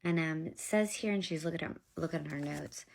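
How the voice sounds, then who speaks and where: Low husky-voiced woman telling a story. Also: a little fast. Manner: animated retelling, acting out dialogue, drops to whispers. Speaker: vlogger telling her own story. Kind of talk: casual storytelling to camera.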